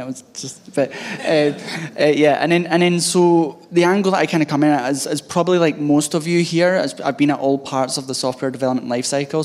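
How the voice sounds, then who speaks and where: Speaking with a thick, broad Scottish accent, a man who heads DevOps at a bank gives a conference audience an informal tech talk, loose, hesitant and conversational. His voice is mid-range and a little mellow.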